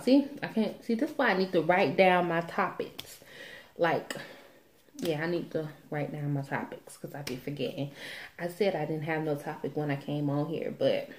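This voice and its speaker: Low-pitched young woman chatting in an echoey room. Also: darkish tone. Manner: playful, rambling, folksy. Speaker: vlogger hosting an eat-with-me video. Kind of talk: casual chatty vlog to camera. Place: small room indoors. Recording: roomy echo from phone recording.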